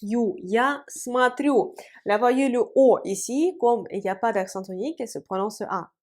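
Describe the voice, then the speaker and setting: A woman language teacher giving a video lesson, explaining carefully and repeating each word slowly for practice while writing on a board. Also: medium pitch, dark tone.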